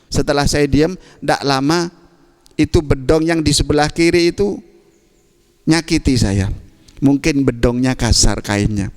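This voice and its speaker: A man's voice: medium pitch, measured pace, pauses often. A man preaching a storytelling sermon, emphatic, with Arabic passages chanted in between. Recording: long hall reverb.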